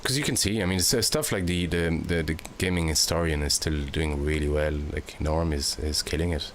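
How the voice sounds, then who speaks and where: Low-voiced man in his forties, reflective. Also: brisk, slight background noise. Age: 40s. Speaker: podcast host. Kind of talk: casual conversation.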